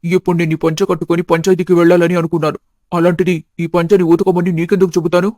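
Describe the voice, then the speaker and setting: A woman's voice: lowish voice, flat delivery, quick pace, dark tone, dry recording, pitched below the performer's own voice, natural voice. A woman putting on a stern old father-in-law. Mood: indignant. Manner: indignant, lecturing. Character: stern elderly father-in-law, village elder. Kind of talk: animated storybook voice acting.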